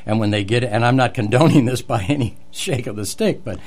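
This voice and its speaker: A man hosting a radio talk show, folksy and quick to laugh. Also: mid-range voice, a little mellow, faint music behind.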